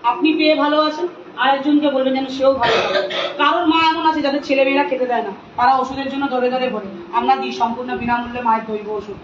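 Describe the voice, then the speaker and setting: High, fast scolding woman at a gathering. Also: steady tone, echoey room, recorded from a distance, muffled recording, noisy background. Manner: scolding, insistent, preachy. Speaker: spiritual volunteer handing out free remedies. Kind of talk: addressing a gathering, questioning attendees.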